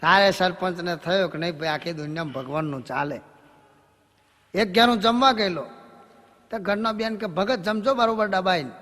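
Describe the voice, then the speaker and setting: A man telling devotional folk stories in a preachy, jokey and animated way. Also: high voice, moderate pace, pauses often, in a large hall. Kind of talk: devotional storytelling sermon.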